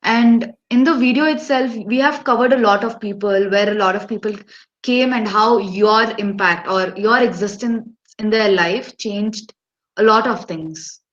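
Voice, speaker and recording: A woman's voice: mid-range voice, measured pace, a bit bright, dull audio. A woman with an Indian accent hosting an interview in a polite, formal way.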